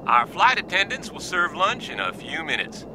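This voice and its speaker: A man voicing an airline captain who makes a formal, measured announcement over the plane intercom for a listening exercise. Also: fairly high pitch, big pitch swings, background noise. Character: adult male airline captain, calm and formal. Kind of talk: scripted listening exercise dialogue.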